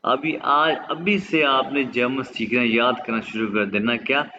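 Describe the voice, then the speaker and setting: A man whose first language is Urdu, teaching a German lesson online and drawing out pronunciation drills slowly. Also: medium pitch, steady tone, muffled recording, noisy background. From Pakistan. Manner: slow, drawn-out pronunciation drills.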